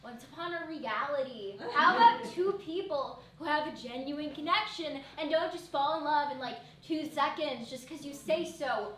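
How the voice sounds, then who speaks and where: A woman's voice: sits high, normal speed, hardly any pauses, fairly bright tone, slight background noise. A woman playing a sassy young princess. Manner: pert, talking back. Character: sassy young princess who argues back. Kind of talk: live stage sketch comedy. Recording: distant stage mic in echoey theater.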